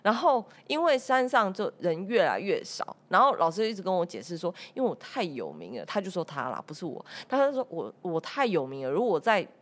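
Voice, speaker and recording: Lively Taiwanese woman telling a story. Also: lowish voice, a little fast, few pauses. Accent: Taiwanese Mandarin. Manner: lively, laughs often, acts out dialogue. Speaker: podcast guest, performing artist. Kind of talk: casual storytelling.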